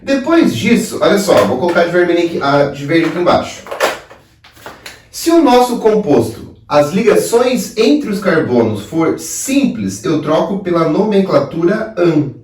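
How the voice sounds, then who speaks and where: Brazilian chemistry teacher, male, slightly high voice, self-questioning style, recorded in a roomy space away from the mic. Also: unhurried. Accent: Brazilian Portuguese. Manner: lively, asks himself questions and answers them. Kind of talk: video lesson explaining at a board. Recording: roomy sound, voice a bit far from the mic.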